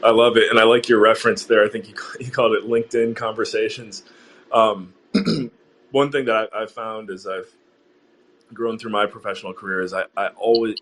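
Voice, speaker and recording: Host, male, low voice, rambling casual interviewer, faint hiss behind. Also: fairly bright tone. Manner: rambling, friendly, many fillers and restarts. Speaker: podcast host.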